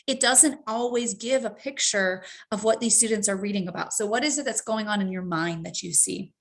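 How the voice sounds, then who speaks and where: A woman's voice: medium pitch, fairly bright tone. A woman presenting a professional development talk to teachers, practical and repetitive, with frequent ums. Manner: practical, repeats key points, frequent ums. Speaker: teacher trainer.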